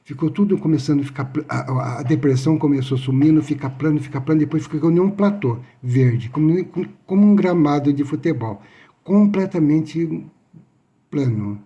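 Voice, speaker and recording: A man telling his personal testimony, halting and repeating his phrases. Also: a little high, warm tone. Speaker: near-death experience witness.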